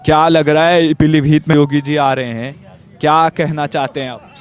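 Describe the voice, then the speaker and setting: High-voiced male street reporter. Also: steady tone, slight background noise. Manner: brisk, prodding questions. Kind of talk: vox-pop street interview.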